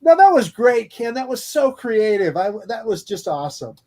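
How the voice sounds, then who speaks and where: A man's voice: extremely high pitch, very animated, moderate pace, mellow. A man co-hosting a casual livestream chat, enthusiastic and encouraging. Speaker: co-host.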